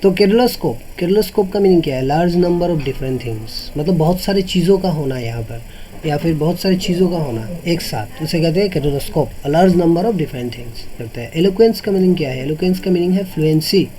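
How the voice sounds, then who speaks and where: Mellow-voiced man explaining word meanings. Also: on the high side, animated, normal speed, slight background noise. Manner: repeats "matlab" and asks himself "what does it mean?" before each word; clears his throat often. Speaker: English vocabulary teacher.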